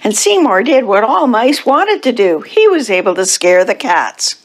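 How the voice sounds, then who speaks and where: A woman at a church service reading a children's picture book aloud, with slow, expressive storytelling. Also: fairly high pitch, rough recording.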